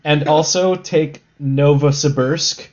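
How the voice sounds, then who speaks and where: A man co-hosting a podcast in loose, casual banter. He is excitable and quick to crack jokes at his co-hosts. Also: on the high side, muffled recording. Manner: excitable, wisecracking. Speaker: podcast co-host.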